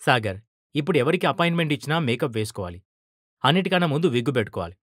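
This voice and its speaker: A man's voice: mid-range voice, expressive, rapid-fire, fairly bright tone, husky, dry recording, studio quality. A man voicing a tired, irritated middle-aged male film star who complains about his busy life. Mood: weary.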